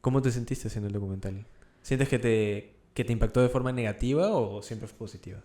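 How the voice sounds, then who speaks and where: A man hosting an interview, relaxed and full of filler phrases. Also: medium pitch, fairly quick. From Peru. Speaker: podcast host. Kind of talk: casual interview chat. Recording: roomy echo.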